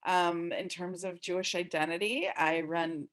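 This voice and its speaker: A woman from Texas speaking as a panelist, halting and filling her pauses. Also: on the low side, flat delivery, fairly bright tone. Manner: hesitant, many pauses and fillers. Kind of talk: casual panel discussion.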